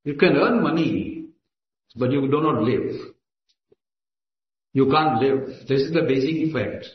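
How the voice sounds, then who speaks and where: A native Gujarati speaker with an Indian accent gives an impassioned, declamatory speech at a meeting. He speaks slowly and expressively in a mid-range voice, and the echoey lo-fi recording captures the assembly hall around him.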